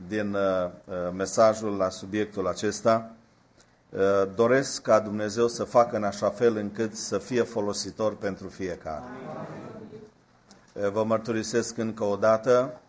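A male preacher giving a sermon, earnest and conversational, acting out the dialogue of a story he tells. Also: fairly low pitch.

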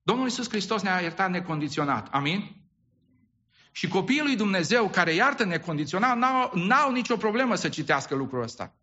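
A man's voice: sits high, sing-song, pushed and bright, lo-fi sound. A man preaching a sermon as pastor, asking the congregation rhetorical questions and often repeating and restarting his words.

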